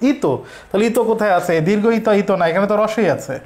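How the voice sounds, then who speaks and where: A man with a Bangladeshi accent teaches grammar online in a high voice. He drills the class by firing off questions and answering each one himself, repeating his points. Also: fairly even intonation, fast, a little mellow. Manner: repetitive, drilling.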